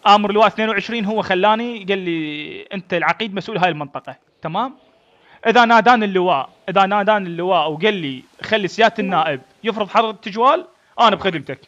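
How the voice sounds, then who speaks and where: A man's voice: sits high, racing, a bit bright, dull audio. A man with an Iraqi accent playing a defiant army colonel in a street confrontation skit, talking bluntly and barking commands. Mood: furious. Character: defiant middle-aged male army colonel.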